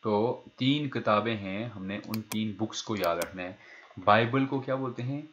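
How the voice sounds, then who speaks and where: A man's voice: lowish voice, fairly bright tone, dull audio, slight background noise. A man teaching a recorded language lesson, repeating each key word and quizzing his students as he goes. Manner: explains step by step, repeats key words and asks the class questions; pauses to check his notes mid-lesson. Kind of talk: recorded online lecture.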